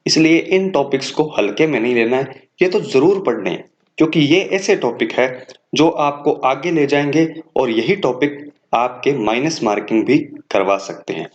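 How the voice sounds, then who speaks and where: A man's voice: mid-range voice, animated, moderate pace. Man teaching on a dull recording. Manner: lists words one by one, corrects wrong forms. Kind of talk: exam coaching lecture.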